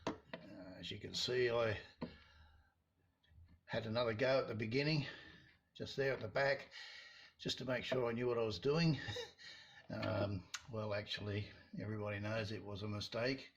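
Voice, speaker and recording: A man's voice: lowish voice, fairly even intonation, moderate pace, pauses often. A man casually talking through a woodworking build in his shed, plain-spoken and self-deprecating. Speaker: hobby woodworker. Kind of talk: casual workshop narration. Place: home shed workshop. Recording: dull lo-fi sound with faint noise.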